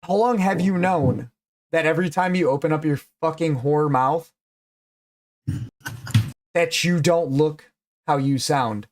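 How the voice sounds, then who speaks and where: A man's voice: fairly high pitch, a little slow, pauses often. A man hosting a livestream, chatting casually and teasing his guest bluntly with lots of swearing. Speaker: livestream host. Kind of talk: casual stream chat.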